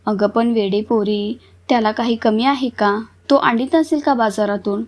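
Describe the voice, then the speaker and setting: A woman's voice: on the high side, steady tone, normal speed, lightly acted. A woman voicing a tender, kindly aunt. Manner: gentle, affectionate.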